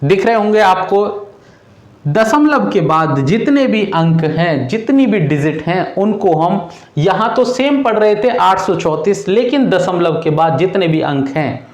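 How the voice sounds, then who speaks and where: A man's voice: sits high, expressive, unhurried, reverberant. A male teacher who explains a math lesson to children patiently, repeating each step and calling the students "beta".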